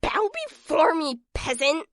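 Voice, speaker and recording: A woman's voice: high voice, lively intonation, a little slow, dry recording, clean studio sound. A woman voicing a haughty, bossy villain princess in a comedy audio drama, barking orders at her minions. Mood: imperious. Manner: imperious, shouting orders.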